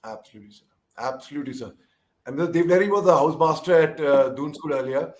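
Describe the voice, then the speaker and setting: A man's voice: on the high side, fast talker, darkish tone. A man with an Indian English accent speaks conversationally in an interview, deferential, emphatic and given to repeating himself. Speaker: interviewer and former army officer.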